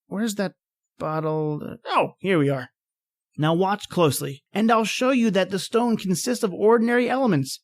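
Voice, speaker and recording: This woman speaks at medium pitch and normal speed, with a darkish, natural tone. She acts the part of a rational, impatient professor in a radio horror drama, exclaiming theatrically with a confident, condescending air.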